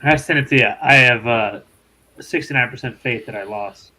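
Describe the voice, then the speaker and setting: A man co-hosting a casual live podcast watch party, tossing out quick quips. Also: mid-range voice, background noise. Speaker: podcast co-host.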